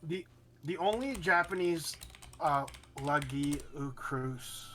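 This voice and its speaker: Guy streamer goofing around mid-game, bright kinda high voice, faint game music behind. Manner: joking, animated, quick self-corrections. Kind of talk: casual chat while gaming.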